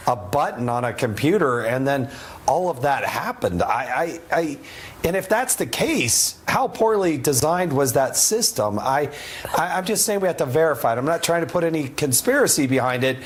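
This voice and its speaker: A middle-aged man, a former congressman, speaking as a TV guest with a raspy voice, often stumbling and repeating words as he starts sentences. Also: fairly high pitch, animated, normal speed. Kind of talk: TV interview.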